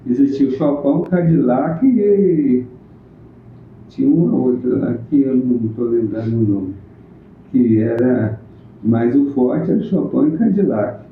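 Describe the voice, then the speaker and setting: A man, recalling local history in a plainspoken, unhurried casual interview. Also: mid-range voice, lively intonation, a little hiss or hum. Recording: echoey room on a tinny phone-like line.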